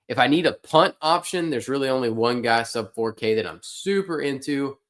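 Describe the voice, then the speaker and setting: Male stream host, loose and blunt with his opinions, a bit sleepy, average pitch. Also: lively intonation, normal speed, a bit bright. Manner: loose, opinionated, talks to chat. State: yawning, tired. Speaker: fantasy sports livestream host. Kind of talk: casual livestream analysis.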